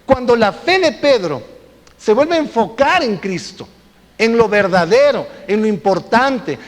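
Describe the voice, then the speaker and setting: A male pastor preaching a sermon, telling stories and drawing the congregation in. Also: sits high. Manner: lively storytelling with congregation interaction. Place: church. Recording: echoey church hall.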